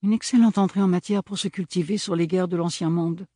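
A reserved young museum keeper in spectacles who speaks flatly and matter-of-factly, a storybook heroine, as a male narrator puts her on. Her lines sit somewhat above the reader's own pitch, husky and dry. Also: fairly quick, no room sound. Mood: flat, curt. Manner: flat, professional.

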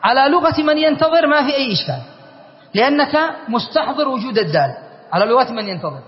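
A man's voice: very high voice, sing-song, fast talker. A man teaching a classroom grammar lesson, quizzing his students and spelling out word forms. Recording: dull long-reverb lecture hall recording.

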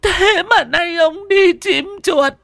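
A woman's voice: medium pitch, big pitch swings, measured pace, a bit bright, no room sound, studio quality. A woman voicing a jealous village wife who wails and scolds shrilly. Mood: wailing.

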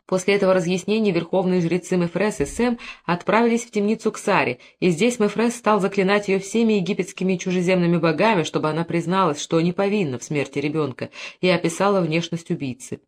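A woman narrating an audiobook in an even, expressive reading style. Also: mid-range voice.

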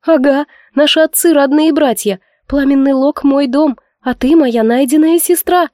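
Tearful young noble girl, high and pleading, played by a woman narrator, dry close sound. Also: normal speed, darkish tone, no room sound, natural voice. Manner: sobbing, pleading, high-pitched. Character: weepy young noblewoman cousin, heartbroken. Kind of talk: audiobook character voice.

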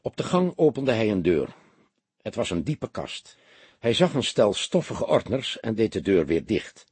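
A man narrating a detective audiobook in an expressive storytelling manner. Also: on the low side, measured pace, slightly rough, no room sound.

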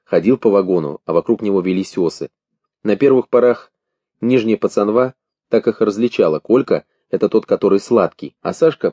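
A man narrating a literary audiobook in measured, expressive short phrases. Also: fairly low pitch, breathy edge, no room sound. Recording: dull lo-fi dry recording.

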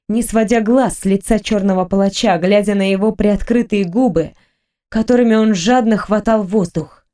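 Woman with a mellow, sensual narrating voice. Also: mid-range voice. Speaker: audiobook narrator. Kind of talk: first-person audiobook narration.

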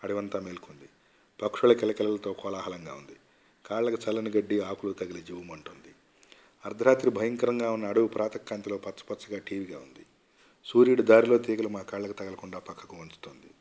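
A man reading a short story aloud in a quiet, even narrating voice. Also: on the low side, brisk. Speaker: story reader.

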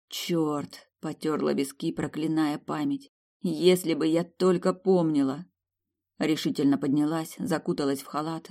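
An audiobook narrator reading a first-person fantasy story in a lively, expressive way. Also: mid-range voice.

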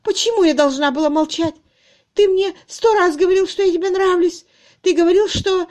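Woman doing an older spinster, shrill, tearful, pleading, very high and strained, audiobook. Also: sing-song, a little slow. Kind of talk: audiobook reading.

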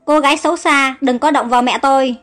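A woman voicing a brash, defiant poor boy who shouts and whines in a storybook. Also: high-pitched, steady tone, fast talker. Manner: shouting and whining.

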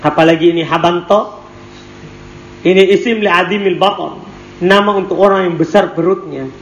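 A man's voice: high voice, moderate pace. Male teacher in an echoey classroom with faint noise, reading a text and drilling students with questions. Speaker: teacher of Arabic morphology. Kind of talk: classroom lesson with call-and-response.

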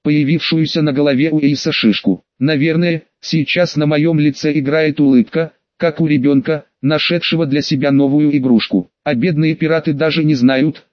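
A man's voice: fairly high pitch, steady tone, normal speed, few pauses, no echo. A man narrating an audiobook in the first person, in a casual, ironic storytelling manner. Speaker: audiobook reader. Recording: dull, dry lo-fi recording.

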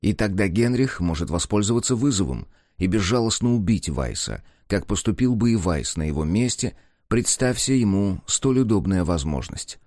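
Low-voiced man reading an audiobook. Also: animated, moderate pace, darkish tone, no echo, clean studio sound. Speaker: audiobook narrator. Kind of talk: audiobook narration.

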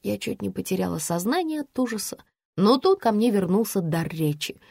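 A woman narrates a first-person novel in a brisk, expressive way. Her voice is lively and moves freely up and down, at a mid pitch. The recording is dry and close, with no room sound. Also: creaky, breathy edge, no echo. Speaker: audiobook narrator.

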